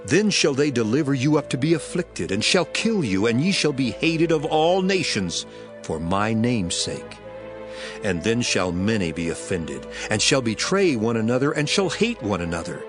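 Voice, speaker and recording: An actor playing Jesus as a grave, authoritative teacher in a solemn, measured, declamatory scripture dramatization. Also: male voice, mid-range voice, big pitch swings, lightly acted. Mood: grave, warning. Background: background music.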